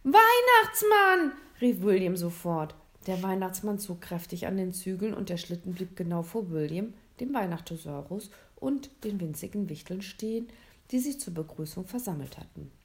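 A woman reading a children's Christmas story aloud, expressive and dramatic, with casual asides. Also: fairly low pitch, moderate pace.

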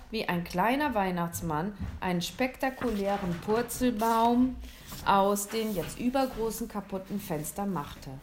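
A woman narrating a children's audiobook with lively, expressive storytelling. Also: mid-range voice.

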